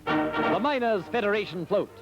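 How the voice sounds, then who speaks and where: A man narrating an old newsreel in a brisk, formal announcer's delivery. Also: high voice, vocal fry. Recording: lo-fi old newsreel soundtrack with loud music.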